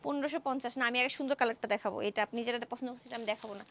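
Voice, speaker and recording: A young woman from Bangladesh hosting a live-stream clothing sale, chatty and excited, exclaiming over dresses in an indoor showroom. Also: a little high, rapid-fire, slight background noise. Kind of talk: Facebook live sales pitch.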